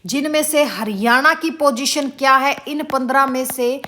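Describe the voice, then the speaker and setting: A woman teacher giving an exam-prep lesson, repeating each question slowly and drilling the answers for her students. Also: sits high, pushed and bright. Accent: Haryanvi-tinged Hindi. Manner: addresses students as beta.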